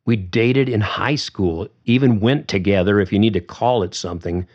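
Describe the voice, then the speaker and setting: A man's voice: on the low side, moderate pace, muffled recording, natural voice. A man voicing an angry young woman who talks in a firm, clipped, seething way.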